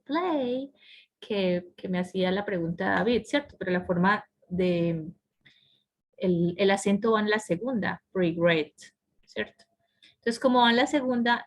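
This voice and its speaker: A woman's voice: mid-range voice, low-quality recording. A woman teaching English grammar in an online class over a video call, explaining step by step and often restarting her sentences.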